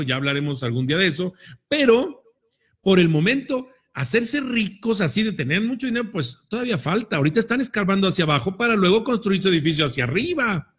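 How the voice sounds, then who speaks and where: A Mexican man with a high voice delivers a motivational talk straight to his audience. He is playful and blunt, slips into little acted-out voices and throws in casual swearing. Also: fairly bright tone, slightly rough. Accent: Mexican Spanish. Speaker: motivational speaker.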